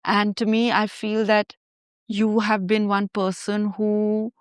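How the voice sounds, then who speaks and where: Indian-accented woman interviewer, medium pitch. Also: little pitch movement, slow, clear, resonant tone, dry recording, studio quality. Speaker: interview host. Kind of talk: conversational interviewing.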